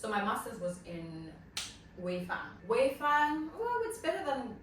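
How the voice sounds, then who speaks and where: A woman from Zambia in her late twenties, a guest entrepreneur telling her story in a casual interview with animated, direct asides to listeners. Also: a little high, unhurried. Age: late 20s. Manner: animated storytelling, addresses listeners as girl and guys. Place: office. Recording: very echoey room, mic at a distance, faint noise.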